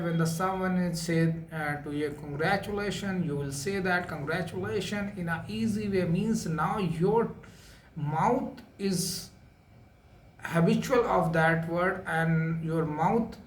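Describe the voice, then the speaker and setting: A man giving a spoken English lesson, talking slowly with lots of repetition and filler sounds. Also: sits high, slight background noise. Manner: slow, repetitive, many filler uhs. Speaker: English teacher. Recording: echoey room with faint ambience.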